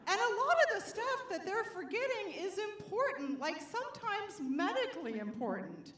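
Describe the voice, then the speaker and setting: A woman in middle age works a stand-up set from a stage, her voice sitting high. She lands jokes with a wry, punchy delivery and stretches the punchlines out slowly. The live room adds a roomy echo around her mic. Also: sing-song, fairly bright tone. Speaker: stand-up comedian. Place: comedy stage before a live audience.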